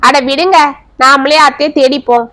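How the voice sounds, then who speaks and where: A woman's voice: high voice, moderate pace, pushed and bright. A woman voicing a curt, defensive young wife who talks back with scorn. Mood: scornful.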